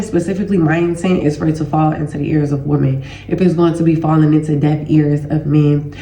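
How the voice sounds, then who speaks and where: Her voice is deep, creaky, and dark-toned: a woman with a stuffy nose and sore throat hosting as a healing educator. She talks loosely and conversationally, calling viewers "y'all." The recording carries a roomy echo and a little hiss or hum.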